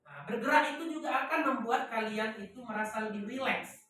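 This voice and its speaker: A woman's voice: a little high, a little fast, a bit bright. A woman teacher giving a classroom lesson, leaving her sentences open for the class to finish. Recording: echoey classroom from far off.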